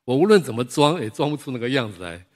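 A man's voice: mid-range voice, fast. A middle-aged man, preaching a sermon full of personal stories. He acts out the dialogues in them and chuckles as he talks. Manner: lively storyteller who acts out dialogues and chuckles. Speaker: pastor.

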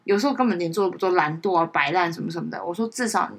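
A woman's voice: on the low side, rapid-fire. A young woman co-hosting a podcast in casual chat, talking emphatically and rising sharply when worked up. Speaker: podcast co-host.

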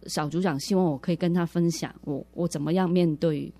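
A woman's voice: fairly low pitch, steady tone, a little fast, dark tone. A woman sharing her personal faith testimony in a radio interview, earnest and reflective, often restarting her words.

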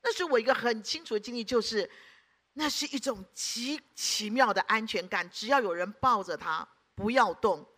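High, bright-voiced woman preaching. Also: moderate pace. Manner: emphatic, keeps asking the congregation rhetorical questions. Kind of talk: sermon.

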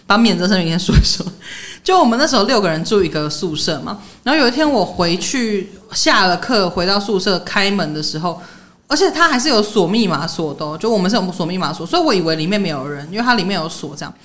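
A young woman, co-hosting a podcast and telling stories in a lively way, laughing often. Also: medium pitch, fast talker. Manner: animated storyteller, laughs often. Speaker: podcast co-host. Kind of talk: casual chat.

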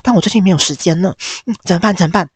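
A hoarse man voicing an anxious, flustered young woman in a movie recap. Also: very high-pitched, fast talker, no echo, pitched above the performer's own voice, exaggerated voice. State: hoarse from a cold.

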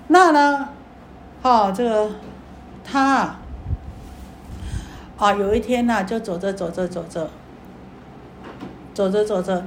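A woman giving a Buddhist sermon, telling a story in a rambling way with many fillers and drawn-out sentence endings. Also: medium pitch, a little hiss or hum. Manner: repetitive, filler-heavy, drawn-out particles. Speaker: Buddhist dharma teacher.

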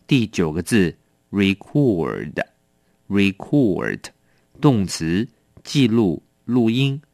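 A middle-aged man teaching English vocabulary. He reads each word slowly and carefully, then speeds up when he adds warnings and asides. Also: low-pitched, no room sound, clean studio sound. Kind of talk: explaining a word list.

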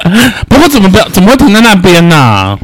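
A young adult man, co-hosting a casual podcast and telling a story in an animated way with frequent laughs. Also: sits high, fast, very noisy. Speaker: podcast co-host.

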